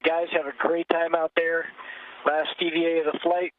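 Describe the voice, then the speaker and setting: A fairly high-voiced man makes clipped procedural calls as an astronaut, his words coming through breaking up space radio. The sound is thin and phone-like, with a faint crackle of noise under it. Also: little pitch movement, moderate pace. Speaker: astronaut on the station.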